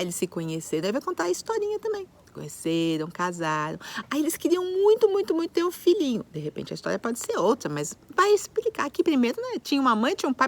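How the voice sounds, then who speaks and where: Woman psychologist giving parenting tips, high lively voice, very expressive. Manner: expressive, acts out little scenes. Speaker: child psychologist. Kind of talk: parenting advice lesson.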